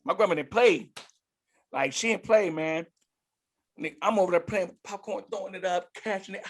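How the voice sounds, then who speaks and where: High-voiced man telling rowdy stories. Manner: animated storyteller, laughs often, profane. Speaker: podcast co-host. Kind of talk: casual chat.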